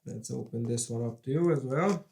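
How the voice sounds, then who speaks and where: A man vlogging as he unboxes and assembles a gaming PC, chatting casually and nervously excited, his voice congested from a cold. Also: mid-range voice, moderate pace, gravelly, a little hiss or hum. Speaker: PC building vlogger. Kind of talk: casual hands-on narration.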